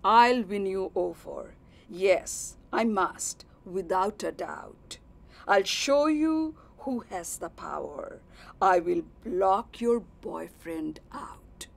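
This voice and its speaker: A woman voicing a jealous, boastful male moon in a recited poem, loud and excited. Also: mid-range voice, slow, gravelly. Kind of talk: poetry recitation.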